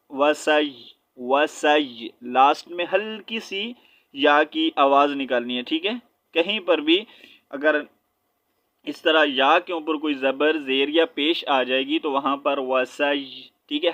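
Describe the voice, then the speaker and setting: A man with a Pakistani accent teaching Quran reading, spelling out letters and vowel marks slowly and asking checking questions as he goes. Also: a little high, fairly bright tone, lo-fi sound.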